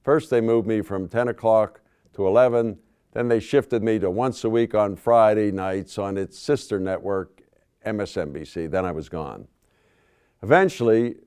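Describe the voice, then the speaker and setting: Older man, speaker at a public forum, measured dry storytelling, lowish pitch, smooth resonant tone. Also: darkish tone. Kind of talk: recounting a personal story.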